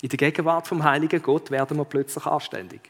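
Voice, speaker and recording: A man's voice: fairly high pitch, fairly even intonation, fast, long reverb tail. A man preaching a sermon, talking conversationally and putting questions to his listeners. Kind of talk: sermon with read-aloud story passage.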